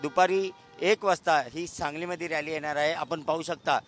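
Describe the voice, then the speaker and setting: Male field reporter, fairly high voice, live on-the-spot delivery from outdoors. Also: moderate pace, faint music behind. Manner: steady on-the-spot reporting with brief hesitations. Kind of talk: live news report from the scene. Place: outdoors at a town square.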